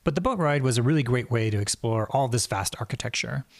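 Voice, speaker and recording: A man's voice: mid-range voice, lively intonation, fast talker, creaky, dry recording, studio quality. A man interviewing a virtual world creator, asking questions in a thoughtful, appreciative way.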